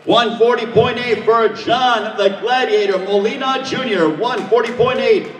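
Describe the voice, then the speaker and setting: A man's voice: very high-pitched, unhurried. A man working as a boxing weigh-in announcer, with a showman's delivery that draws out fighters' names. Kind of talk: live sports announcing. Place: large echoing event hall. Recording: echoey hall PA, distant from mic.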